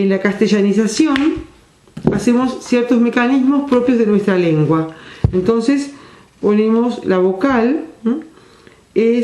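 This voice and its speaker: At medium pitch, a teacher gives a recorded university lecture at a measured pace, pausing while writing and often checking in with a soft, questioning hum. The room is echoey with faint background noise.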